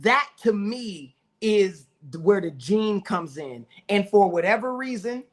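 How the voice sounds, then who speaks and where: A man's voice: sits high, animated, unhurried. A man co-hosting a sports talk show, telling stories with animation and acting out his friends' lines in casual chat.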